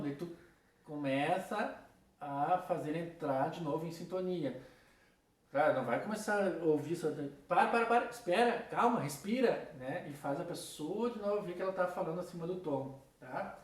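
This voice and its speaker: A man's voice: a little high, a little fast. A man teaching a philosophy class in a casual way, talking straight to his students. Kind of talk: recorded class lecture. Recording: roomy, from a distance.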